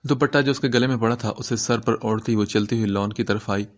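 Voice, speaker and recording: A man reading an Urdu romance novel aloud as narrator, in an even storytelling manner. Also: fairly low pitch.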